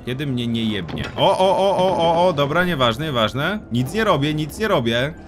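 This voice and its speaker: A young man commenting on a horror game as he plays, swearing often, shouting in panic and dropping to a quiet mutter. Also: normal speed, slight background noise. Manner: excitable, swears a lot, yells in panic, then drops to a low mutter. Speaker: gaming YouTuber. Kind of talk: let's play commentary. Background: game music.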